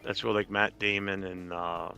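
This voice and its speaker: A man's voice: low-pitched, flat delivery, normal speed, creaky. A man from Rhode Island hosting a sports podcast, chatting casually and profanely, with a lot of fillers, over faint music. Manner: profane, joking, rambling with fillers. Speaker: podcast host.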